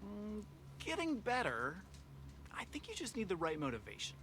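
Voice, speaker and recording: An actor playing a playful young boyfriend, teasing and upbeat. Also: male voice, sits high, wildly swooping pitch, normal speed, a bit bright, slight background noise, exaggerated voice.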